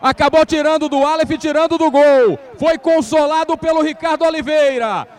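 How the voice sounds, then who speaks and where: Very high-voiced Brazilian male football analyst. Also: fairly even intonation, moderate pace. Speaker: football commentator. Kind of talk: live analysis of penalty kicks.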